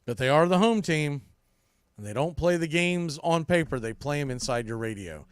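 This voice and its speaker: With lively intonation and a fairly high, clean voice at normal speed, a man hosts a sports podcast full of unscripted baseball opinions. He speaks bluntly and emphatically, often restarting and repeating phrases, in a dry, clean studio recording.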